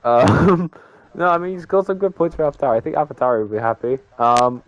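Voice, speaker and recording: A man's voice: medium pitch, fairly quick, lo-fi sound. Rambling man hosting a race recap. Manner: filler-heavy, rambling, frequent "I mean". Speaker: host of sim racing league broadcast. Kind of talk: casual post-race interview.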